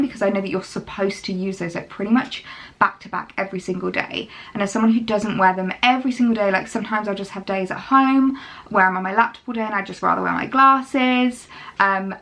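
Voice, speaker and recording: A young British woman vlogging casually with lots of ums and likes, sounding a bit croaky in the early morning. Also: medium pitch, a bit bright. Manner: chatty, many ums and likes. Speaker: fashion influencer vlogger. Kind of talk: casual chatty sponsored vlog.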